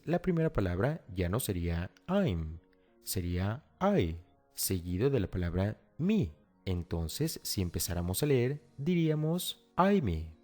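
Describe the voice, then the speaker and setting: A man with a low, mellow voice narrates a scripted lesson. His pitch moves a lot as he explains each step and talks straight to the learner. Soft music plays faintly behind him. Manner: clear, step-by-step explaining, addresses the learner directly. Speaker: English teacher.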